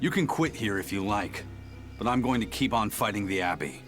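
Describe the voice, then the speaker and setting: An actor playing a stern, gruff and resolute captain in a video game. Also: male voice, fairly low pitch, expressive, a little fast, fairly bright tone. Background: game music.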